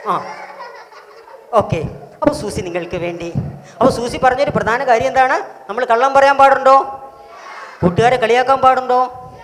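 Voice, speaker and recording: A pastor hosting a children's Bible school, telling a story and quizzing the children with animated, rising questions. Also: male voice, very high-pitched, moderate pace, long pauses. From Kerala, India. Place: auditorium. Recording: echoey hall with faint noise.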